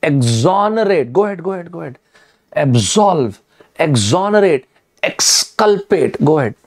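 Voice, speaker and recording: Energetic Indian English tutor, man. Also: fairly high pitch, normal speed. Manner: energetic, repeats words, asks viewers to type answers. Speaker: online exam tutor. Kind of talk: live online vocabulary lesson.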